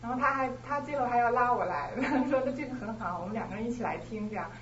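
A married woman sharing about her husband in class, hesitant with many pauses. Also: a little high. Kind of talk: personal testimony sharing. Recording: roomy, distant, lo-fi with noise.

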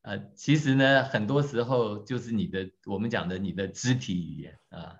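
Low-voiced man teaching a church class. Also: normal speed. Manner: lively, questions the audience, tells jokes on himself. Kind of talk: interactive teaching talk. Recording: dull lo-fi recording.

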